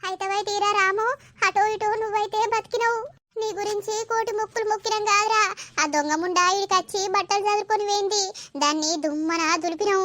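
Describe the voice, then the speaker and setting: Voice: very high-pitched, sharp tone. A performer voicing a bossy, caring village woman in a cartoon who scolds and fusses, with a Telangana Telugu accent. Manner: scolding, fussing, talkative. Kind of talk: cartoon voice acting.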